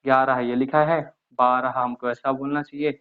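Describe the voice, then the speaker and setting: A man teaching Hindi grammar, who asks questions and answers them himself and repeats each example slowly. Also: mid-range voice, flat delivery, clear, resonant tone, dull audio. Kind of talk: explaining at a whiteboard.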